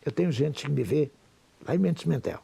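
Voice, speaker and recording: Gravelly Brazilian pastor in his sixties. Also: on the high side, fairly quick, warm tone. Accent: Brazilian Portuguese. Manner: emotional, preacher-like storytelling. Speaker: pastor and businessman. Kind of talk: fervent personal testimony.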